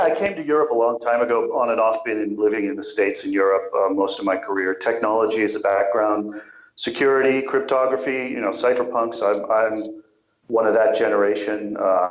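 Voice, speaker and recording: Low-voiced man from California, hesitant delivery, echoey muffled call audio. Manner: hesitant with many ums and restarts. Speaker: guest. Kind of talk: remote interview over a call. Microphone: call microphone.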